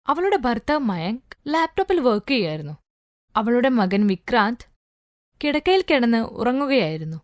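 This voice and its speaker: A woman narrating a cartoon bedtime story in an expressive, scripted way. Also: a little high, normal speed, dry recording, clean studio sound.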